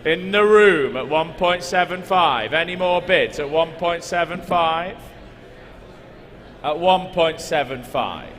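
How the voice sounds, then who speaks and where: A man with a slightly high, somewhat bright voice calls bids at a live car auction, speaking slowly as he insistently repeats figures and coaxes bidders. The recording comes from a large, echoey hall with background noise.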